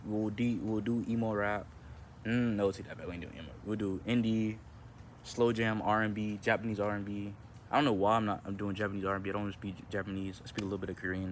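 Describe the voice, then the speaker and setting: This young adult vlogger and amateur musician has a fairly low voice that turns monotone at times, with a little hiss or hum on the recording. He's outside, chatting in a rambling, slangy, relaxed vlog with a nonchalant manner.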